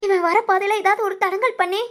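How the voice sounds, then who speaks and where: A woman's voice: very high-pitched, steady tone, a little fast, a bit bright. A woman playing a kind, worried village aunt in a Tamil story drama, earnest and anxious.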